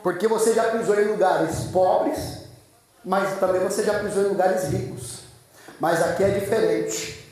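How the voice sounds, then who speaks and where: A high-voiced pastor preaches fervently, hammering his points with repetition. His voice booms through a very echoey church, heard from far off the mic. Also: steady tone, unhurried, a little mellow. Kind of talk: sermon.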